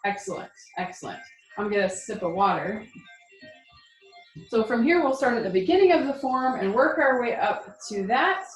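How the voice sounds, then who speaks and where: A woman's voice: a little high, lively intonation, moderate pace. Woman instructor in a roomy, echoing space. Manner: encouraging, reassuring, informal. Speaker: tai chi instructor. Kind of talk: guided movement class with spoken cues. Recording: roomy echo, music behind.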